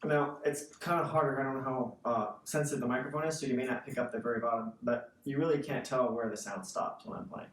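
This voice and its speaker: A man's mid-pitched voice comes from a little way off in a roomy space, with faint noise. He explains a practice exercise like a music teacher, in a casual, conversational way, checking in as he goes. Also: fairly even intonation, fast, few pauses, distant mic. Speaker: woodwind instrument teacher.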